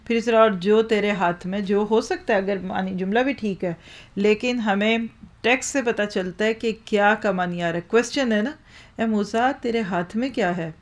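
A woman teaching a religious lesson on Quranic Arabic grammar, explaining step by step, asking the class questions and reciting verses slowly. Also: medium pitch.

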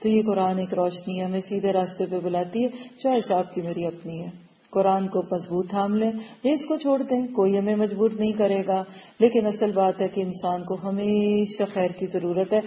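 A woman's voice: medium pitch, fairly even intonation. A woman teaching a religious lecture in an earnest, exhorting voice. She urges her listeners on and repeats short phrases to drive each point home. The recording sounds dull and lo-fi. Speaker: Quran teacher. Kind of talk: religious lecture on Quran verses.

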